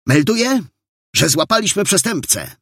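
A man voicing a small, freckled, eager boy sleuth who talks in excitable, breathless bursts. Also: on the low side, a little fast, creaky, breathy edge, no room sound, clean studio sound, exaggerated voice. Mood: excited.

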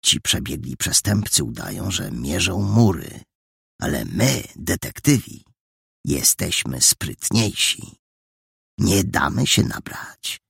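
Guy doing a smug kid detective, gloating, gravelly and dry. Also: low-pitched, very animated, slow, fairly bright tone, dry recording, exaggerated voice. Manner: gloating, conspiratorial inner voice. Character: eager boy detective, scheming and smug.

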